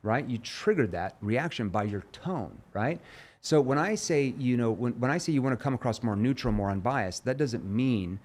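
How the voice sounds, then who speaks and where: A man coaching on sales technique in conversation, assertive and calm, often acting out example phrases. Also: mid-range voice, moderate pace. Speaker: sales trainer.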